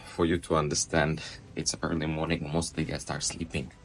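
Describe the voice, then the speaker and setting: A man's voice: very deep voice, completely flat delivery, fairly quick, a little hiss or hum. A man chatting casually as he vlogs his working day as an assistant cruise director. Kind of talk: casual vlog chat.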